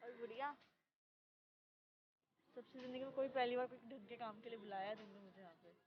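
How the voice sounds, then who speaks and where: Brief: impatient scolding daughter-in-law, played by a woman, fast high-pitched delivery. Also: dull audio, slight background noise, natural voice. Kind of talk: staged family drama.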